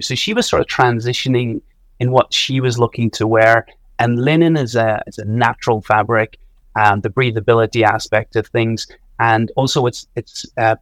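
A man with a blended Donegal Irish accent, giving measured, explanatory answers as an interview guest. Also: medium pitch, a bit bright, dry recording. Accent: Irish, from Donegal, blended with a second accent. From Donegal, northwest Ireland. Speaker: interview guest, clothing brand co-founder.

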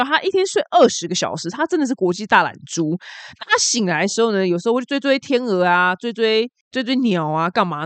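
A woman's voice: mid-range voice, fairly bright tone, dry recording. A woman from Taiwan with a Taiwanese Mandarin accent, hosting a casual news commentary podcast in a chatty, exclamatory way, dropping in English words. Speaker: podcast host.

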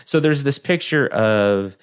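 A man with a West Texas drawl giving an informal talk in a halting, conversational way. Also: mid-range voice, animated, clear, resonant tone. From West Texas, United States. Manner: halting, conversational, self-deprecating asides. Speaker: lecturer.

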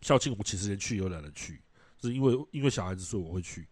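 A middle-aged man with a Taiwanese Mandarin accent, hosting a casual chat show, telling stories in a blunt, profane and animated way. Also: low voice, fast talker, no room sound. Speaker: podcast host.

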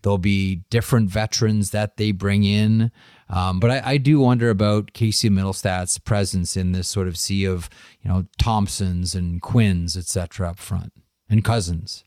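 A man's voice: sits low, fairly even intonation, moderate pace, darkish tone, no room sound, studio quality. A man co-hosting a hockey podcast in casual chat, asking pointed questions and steering the talk onto the next topic.

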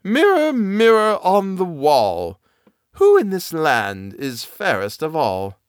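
A vain and envious wicked queen voiced by a male storyteller rises high and shrill, drawing out her words as she schemes. The sound is close and dry. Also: huge pitch swings, slow, no room sound, full character voice. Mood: demanding.

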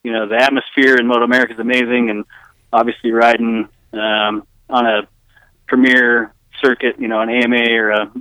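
A man's voice: medium pitch, level tone, brisk, bright, forceful tone, smooth, dry recording, rough recording. A man guest talking in an easygoing way, with lots of fillers, in a casual interview. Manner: laid-back, easygoing, many fillers. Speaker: guest racer.

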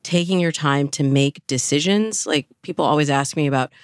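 The woman, a dating coach being interviewed, explains her advice conversationally and emphatically in a low, smooth voice at a moderate pace. Her studio-quality recording carries no room sound.

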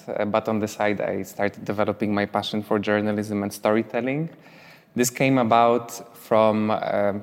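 A man's voice: fairly low pitch, long reverb tail. A young man from Poland, talking casually as a guest in a live stage interview, with many fillers. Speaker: interviewee, writer.

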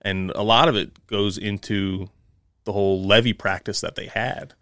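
A man chats casually. His voice sits fairly low, and the recording is close and dry, as on a co-hosted podcast. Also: steady tone, normal speed, fairly bright tone, no room sound. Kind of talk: casual chat.

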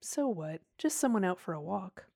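A woman voicing a practical teenage boy who talks in a brisk, offhand way. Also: medium pitch, expressive, vocal fry, dark tone, no room sound, clean studio sound. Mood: dismissive. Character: practical older teenage brother, brisk and dismissive.

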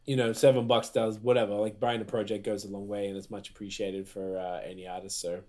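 A man's voice: lowish voice, little pitch movement, fast talker, mellow. Rambling man hosting a podcast. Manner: rambling, slangy, hunts for words. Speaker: podcast host. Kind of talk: casual chat.

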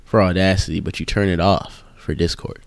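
Really deep-voiced chill guy rambling on a podcast, dry home mic. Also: steady tone, a little fast, creaky, dry recording. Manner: laid-back, rambling, hesitant fillers. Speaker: podcast co-host. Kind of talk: casual podcast chat. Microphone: home mic through voice chat.

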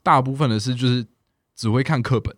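This podcast guest is a man whose first language is English, talking informally in fluent but accented Mandarin sprinkled with English words. His pitch is medium and his pace a little quick, captured in studio quality without any echo.

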